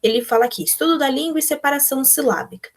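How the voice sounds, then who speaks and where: Brazilian woman teacher, young adult, patient and methodical, voice a bit high. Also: rapid-fire. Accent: Brazilian Portuguese. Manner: patient, explains step by step, answers pupils' imagined questions. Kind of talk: remote class walkthrough of textbook exercises.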